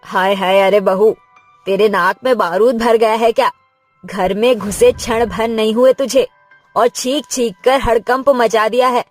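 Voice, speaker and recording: A woman's voice: fairly high pitch, fairly even intonation, unhurried, faint music behind. A woman voicing an elderly mother-in-law in a cartoon story, fussing and scolding yet indulgent toward her favored daughter-in-law. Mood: fussy. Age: older. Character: elderly mother-in-law, doting and easily fooled. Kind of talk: cartoon voice acting.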